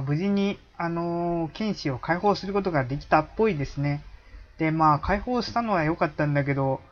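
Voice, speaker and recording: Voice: medium pitch, dull audio. Chatty, musing game commentator. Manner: chatty, musing, many fillers. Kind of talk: casual gameplay commentary.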